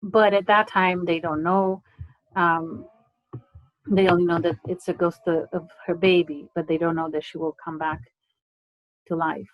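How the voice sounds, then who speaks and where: A middle-aged woman from Romania, an English lecturer giving an online presentation in a measured way, pausing often with fillers. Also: lowish voice, level tone, dry recording, lo-fi sound. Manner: measured, hesitant with frequent fillers.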